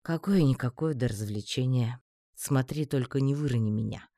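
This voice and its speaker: A grumpy talking sword from a fantasy audiobook, as the reader puts it on, low and slow, grumbling and gloomy. The sound is dry and close. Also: mellow, no echo, close to an everyday voice.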